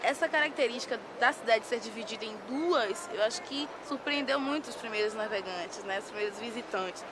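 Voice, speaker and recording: A woman's voice: a little high, a little fast. A woman, explaining things about her city in a friendly, slightly emphatic way. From Salvador, Brazil. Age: 20s. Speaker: interviewee, journalism student and percussionist. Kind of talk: casual on-camera explanation. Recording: noisy outdoor street recording. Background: street and traffic noise.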